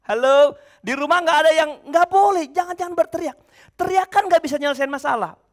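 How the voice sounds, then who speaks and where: A male pastor preaching a sermon. He asks his congregation questions, answers them himself, and breaks into shouts between quiet asides. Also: extremely high pitch, fairly quick.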